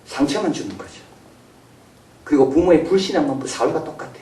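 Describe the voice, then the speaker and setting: Animated Korean pastor in an echoey sanctuary. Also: male voice, on the high side, brisk. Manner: animated, acts out voices of biblical figures and parents. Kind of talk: sermon. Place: church sanctuary. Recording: roomy echo, mic from a distance.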